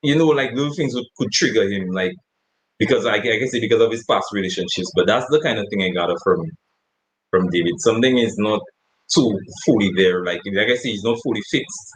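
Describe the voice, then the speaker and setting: A man's voice: lowish voice, a little fast, poor audio. A man co-hosting a casual chat show, rambling and laughing often as he talks. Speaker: co-host.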